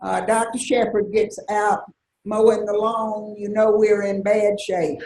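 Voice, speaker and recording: Older woman, Southern US accent, folksy storyteller, unhurried, echoey room, mic far off. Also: mid-range voice, level tone, dark tone. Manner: folksy storytelling, frequent laughs. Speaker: guest speaker. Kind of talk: anecdotal talk to an audience. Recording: roomy echo, distant mic, faint hiss.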